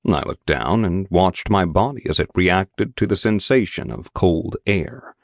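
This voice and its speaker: A man reading an audiobook in measured, steady first-person narration, with slow deliberate phrasing. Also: sits low, no echo. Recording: dry, dead studio sound.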